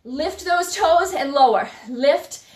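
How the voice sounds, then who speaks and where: Slightly breathless but cheerful, a woman with a high voice leads a live-streamed workout at a slow pace, chatting with her viewers. The recording is echoey, with her voice coming from a distance.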